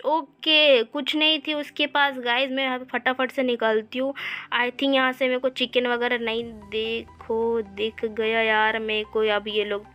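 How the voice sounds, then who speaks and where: A woman's voice: a little high, fairly bright tone. A young woman casually commentating her video game, flustered and exclaiming, talking straight to her viewers. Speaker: gaming channel host.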